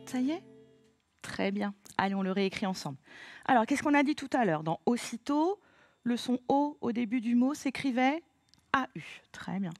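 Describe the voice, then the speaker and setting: A woman teacher leading a child through a slow, patient spelling lesson, spelling words letter by letter. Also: on the high side, animated, no room sound, faint music behind.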